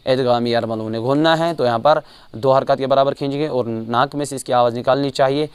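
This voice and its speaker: A man with a Kashmiri accent teaching Quran recitation rules, explaining calmly and chanting each verse slowly, repeating sounds to correct mistakes. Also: medium pitch, clean tone, no room sound. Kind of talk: tajweed lesson with chanted examples.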